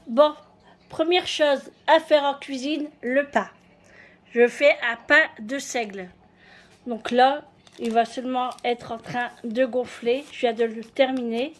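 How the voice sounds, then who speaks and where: A fairly high-pitched woman talks to her viewers in a loose, rambling vlog style, full of fillers and little restarts. She sounds like she is chatting while doing chores around her kitchen at home. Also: fairly even intonation, takes it slowly, a little hiss or hum. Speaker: vlogger. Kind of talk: casual home vlog chat.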